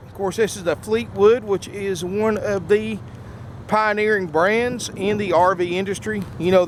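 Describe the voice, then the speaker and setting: A man giving a folksy, casual sales walkaround as an RV salesman, his speech slightly slurred by a mouth numb from dental work. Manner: folksy, often addresses viewers as "folks". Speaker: RV salesman presenting a used motorhome. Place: outdoors at an RV lot, then inside the motorhome. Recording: noisy outdoor handheld video, engine rumble. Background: running generator and air conditioners.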